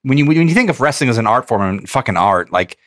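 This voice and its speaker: A man's voice: medium pitch, expressive, fast, fairly bright tone. A man co-hosting a podcast in casual conversation. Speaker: podcast co-host. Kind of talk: casual chat.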